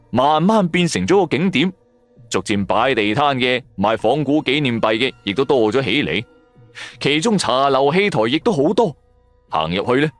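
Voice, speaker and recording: A man with a Cantonese accent narrates a supernatural serial in the first person, telling it in a dramatic, colloquial way. His voice is medium-pitched and the recording is dry, though a music bed runs underneath.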